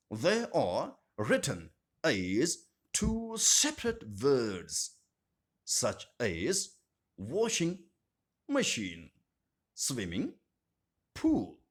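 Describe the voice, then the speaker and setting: A man teaching an English grammar lesson, speaking slowly and deliberately and repeating each term with strong stress. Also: mid-range voice. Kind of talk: scripted grammar lesson narration.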